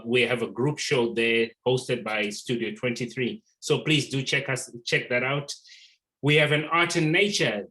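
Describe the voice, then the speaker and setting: A man hosts an art talk over a video call, and his voice sits in a middling pitch. He rambles through the announcements, stopping often on ums and restarting his sentences. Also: pushed and bright, poor audio. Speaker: host of an online art talk.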